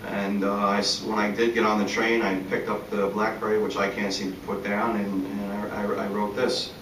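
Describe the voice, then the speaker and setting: A middle-aged man with a fairly low voice reads his poetry aloud in a large, echoing space, picked up from some distance with a faint rumble underneath. Between poems he talks in halting, filler-heavy asides, then settles into measured, deliberate recitation. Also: flat delivery, fairly bright tone. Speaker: poet reading his work. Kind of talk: live poetry reading with spoken introductions. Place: large public atrium.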